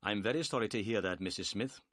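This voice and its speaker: Man reading a calm clever detective, polite and brisk, dry close sound. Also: on the low side, no room sound. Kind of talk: audiobook character voice.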